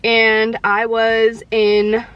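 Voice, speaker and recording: A woman's voice: fairly high pitch, monotone, very slow, no echo, dull audio. A young adult woman chatting candidly with viewers while eating, filling her talk with "like". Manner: chatty and candid, heavy use of "like"; talks while eating, sometimes with mouth full. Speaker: vlogger answering viewer questions. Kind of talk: casual chat.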